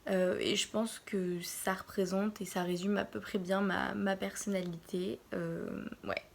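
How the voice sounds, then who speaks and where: A young woman in her early twenties from Normandy, answering Q&A questions in a casual vlog from her bedroom, pausing often to think. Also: medium pitch, flat delivery, vocal fry. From France, Normandy. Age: early 20s. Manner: hesitant, pauses often to think. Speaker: vlogger.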